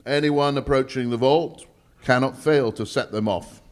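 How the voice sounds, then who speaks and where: An actor playing a proud, easily exasperated English lord in charge of a bank vault, speaking formally in a 1940s radio drama style. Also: male voice, medium pitch, close to an everyday voice. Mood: formal explaining. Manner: emphatic, deliberate, formal, slightly halting. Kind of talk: 1940s radio drama acting, performed live.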